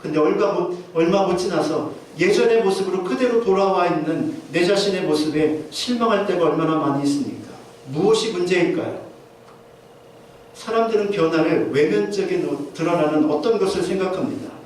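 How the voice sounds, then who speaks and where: A man's voice: high voice, normal speed, darkish tone. A man preaching a sermon as pastor, earnestly asking his listeners question after question. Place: church sanctuary. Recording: very echoey church hall from far off, faint noise.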